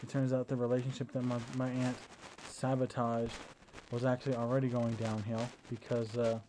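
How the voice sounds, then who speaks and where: Over a noisy background, a young man lying down indoors talks at a moderate pace and medium pitch into a battery-powered camera. It's a casual video diary, relaxed yet hesitant, with frequent fillers and restarts.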